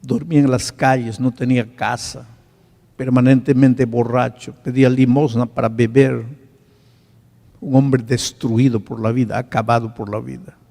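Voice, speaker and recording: A male pastor telling a story in a sermon, swinging from hushed to loud. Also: medium pitch, little pitch movement, moderate pace, vocal fry, in a large hall.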